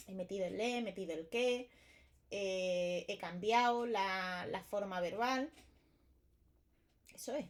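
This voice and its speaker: A woman's voice: medium pitch, takes it slowly, long pauses. Woman explaining grammar casually, lots of examples, keeps asking vale. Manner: chatty, explains with repeated examples and checks with "vale". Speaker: teacher. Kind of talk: casual exam-prep lesson.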